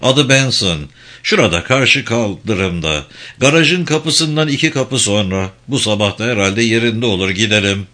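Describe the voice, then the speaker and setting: A man reading a brisk practical guide. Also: fairly low pitch, expressive, pushed and bright. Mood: matter-of-fact.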